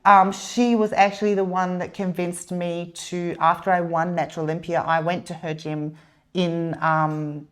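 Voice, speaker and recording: A woman's voice: fairly low pitch, little pitch movement, moderate pace. A woman, a podcast guest talking casually, swearing now and then and restarting her sentences. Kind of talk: casual chat.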